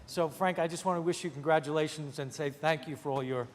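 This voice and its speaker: A man's voice: on the high side, fairly even intonation, fast talker, a little hiss or hum. A man, a state senate majority leader, giving opening remarks on the chamber floor, chatty and slipping in wry joking asides. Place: large legislative chamber, indoors. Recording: long reverb of a large chamber.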